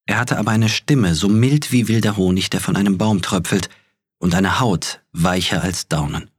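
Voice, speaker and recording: Man reading a storybook out loud, deep low voice, kinda husky, calm. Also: normal speed, dry recording, clean studio sound. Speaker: audiobook narrator. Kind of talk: scripted narration.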